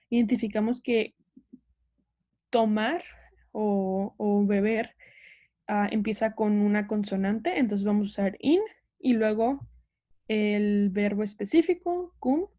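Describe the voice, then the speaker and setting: A woman's voice: medium pitch, mellow, muffled recording. A young woman teaching an online language lesson, explaining patiently step by step and having learners repeat words.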